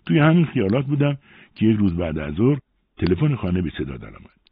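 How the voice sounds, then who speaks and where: A man narrating a first-person story aloud with an expressive storytelling delivery. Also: lowish voice, slightly rough, dry recording. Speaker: audiobook narrator. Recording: dry, phone-like narrow sound.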